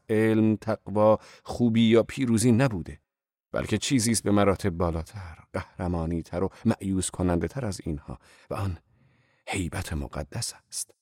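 Deep-voiced man reading a novel. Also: mellow, no room sound, studio quality. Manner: measured, reflective reading. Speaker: audiobook narrator. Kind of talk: scripted literary narration.

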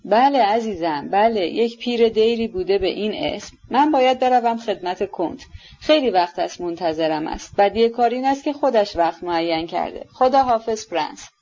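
A woman's voice: medium pitch, lively intonation, warm tone. A woman voicing an elderly general who talks hastily and soothingly to his wife while edging away, on a dull lo-fi recording. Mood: hurried. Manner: hasty, soothing, evasive. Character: hurried, placating elderly general, a husband.

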